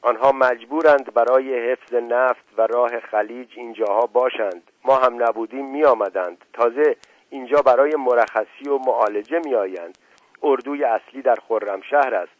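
A man's voice: medium pitch, no room sound, muffled recording, lightly acted. A man voicing a proud, hot-tempered young man who protests and defends himself. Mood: placating. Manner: indignant, protesting.

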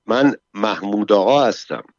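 A man's voice: on the low side, animated, no room sound, muffled recording. A man voicing a weary, blunt male guard who talks to his coworker with impatience and exasperation. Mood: impatient.

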